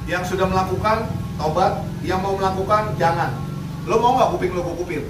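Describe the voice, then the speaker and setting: A man's voice: high voice, moderate pace. A man chatting casually, giving blunt, joking advice on dog training and care. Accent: Indonesian. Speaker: dog rescue activist. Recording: roomy, distant mic, faint noise.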